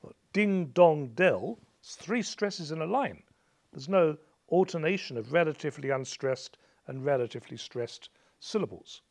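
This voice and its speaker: A man's voice: a little high, moderate pace, creaky. A male teacher patiently explains a poem's rhythm to a student, chanting beats and counting syllables aloud.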